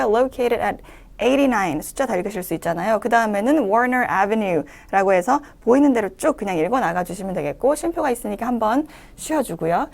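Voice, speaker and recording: A woman teaching English pronunciation in a lecture, explaining step by step and reading the English phrases slowly to show them. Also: medium pitch, vocal fry, a little mellow. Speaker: English speaking-test instructor.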